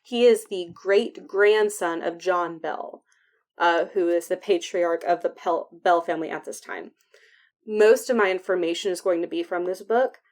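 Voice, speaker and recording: A woman's voice: on the low side, moderate pace, darkish tone. A woman co-hosting a podcast in casual, informal chat, with a noticeable whistle on her S sounds. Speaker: podcast co-host.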